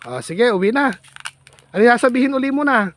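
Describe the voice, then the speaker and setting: A man's voice: very high-pitched, expressive, fairly quick, a bit bright, slight background noise. A man vlogging outdoors in farm fields, chatting with a child in a playful, teasing, coaxing way. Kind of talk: casual teasing chat with a child.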